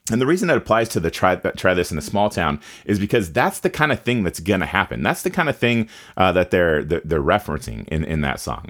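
A man giving heated opinion commentary, indignant and halting, with many fillers and restarts. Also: low voice.

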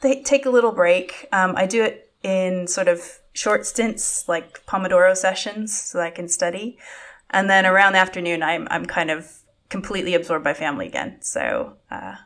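A woman co-hosting a casual podcast, speaking in a relaxed way with many fillers. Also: on the low side, moderate pace. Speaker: podcast co-host.

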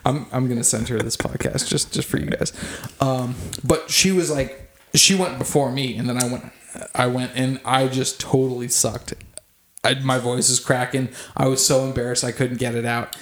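A man's voice: mid-range voice, fairly even intonation, moderate pace. Rambling man with a roomy sound. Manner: rambling, many restarts and swearing. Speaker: band singer, podcast co-host. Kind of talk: casual podcast chat.

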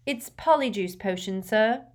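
A woman voicing a crisp know-it-all schoolgirl. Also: medium pitch, animated, unhurried, darkish tone, pitched above the performer's own voice, lightly acted.

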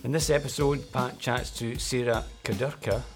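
A man's voice: mid-range voice, steady tone, moderate pace. A man hosting a chat show, reading an enthusiastic, slightly hesitant introduction. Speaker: podcast host. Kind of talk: scripted introduction. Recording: with loud guitar music behind.

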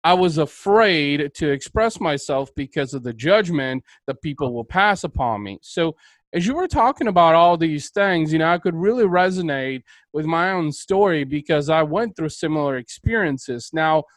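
On a rough recording with no echo, a podcast host from Bulgaria leads an interview conversation. His voice runs on the high side and sounds animated, moving at a moderate pace with an upbeat, motivational energy.

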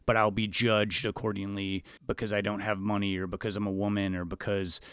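Smooth-voiced man discussing films. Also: fairly low pitch, flat delivery, fairly quick, fairly bright tone, no room sound. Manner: earnest, thoughtful, rambling with fillers. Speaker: podcast co-host. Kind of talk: casual film discussion.

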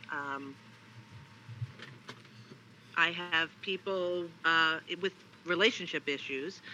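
A woman's voice: fairly low pitch, pushed and bright. A woman who works as a sex therapist, calling into a radio show on a buzzy, glitchy line that keeps breaking up, answering in short, matter-of-fact statements. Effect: buzzy, glitchy call audio that breaks up. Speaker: sex therapist and social worker. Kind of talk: guest on a radio call-in show. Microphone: remote call connection. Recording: muffled call line, faint hiss.

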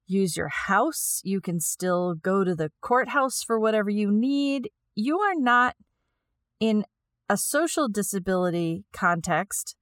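A woman's voice: on the high side, a bit bright, no room sound, clean studio sound. A woman lecturing, explaining an idea step by step and sometimes repeating phrases as she thinks aloud.

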